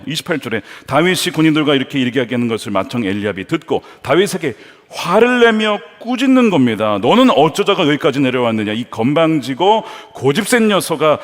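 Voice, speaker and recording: A male pastor preaching a sermon in a church, earnest, swinging between hushed storytelling and emphatic points. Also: a little high, big-room sound.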